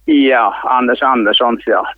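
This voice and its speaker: Guy on a phone line, tinny n dry, halting, keeps repeating himself. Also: mid-range voice, no echo. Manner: halting, repeats words, shaken. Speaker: hunt leader interviewed by phone. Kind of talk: news interview.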